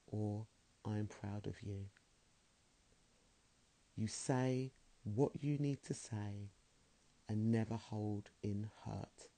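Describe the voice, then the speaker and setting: A man leading a guided meditation in a slow, soothing, soft-spoken way. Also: fairly low pitch.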